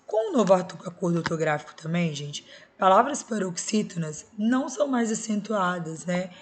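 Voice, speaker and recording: A woman from Brazil gives a recorded school lesson in a fairly low voice. She walks through each rule patiently and checks in with her class as she goes. Faint background ambience sits under her voice. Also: sing-song, normal speed, a little hiss or hum. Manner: explains step by step with tag questions. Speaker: Portuguese teacher.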